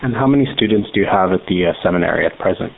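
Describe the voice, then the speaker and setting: A man reporting for a radio program, asking formal, scripted interview questions in a brisk way. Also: low-pitched, animated, gravelly. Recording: tinny phone-line sound with faint hiss.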